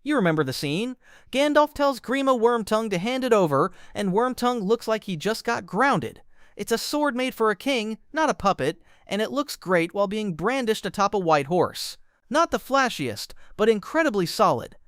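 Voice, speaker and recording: A man narrates a scripted explainer with a wry, joking delivery. His voice sits high and swoops lively up and down. The recording is close and dry, with no room sound. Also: normal speed, smooth, no echo.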